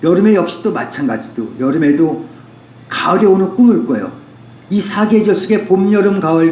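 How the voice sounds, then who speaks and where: A man with a fairly high, mellow voice muses philosophically in poetic, repeated phrasing. He's a poet and author giving an unscripted talk, a reflective spoken essay, recorded with a roomy echo and faint background noise.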